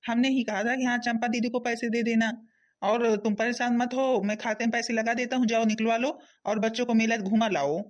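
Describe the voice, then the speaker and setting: A woman's voice: fairly high pitch, fairly even intonation, brisk, close to an everyday voice. A woman voicing a placating village husband on a muffled phone line. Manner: placating, dismissive. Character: village husband and father, easygoing. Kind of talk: home-made cartoon voice acting.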